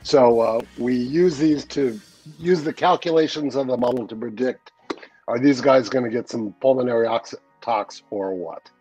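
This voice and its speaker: A man in his sixties, the show's regular editor and newsletter guest, chats via webcam from his home study in a rambling, laugh-filled way with many fillers. His mellow, medium-pitched voice keeps a moderate pace, lo-fi with soft music underneath.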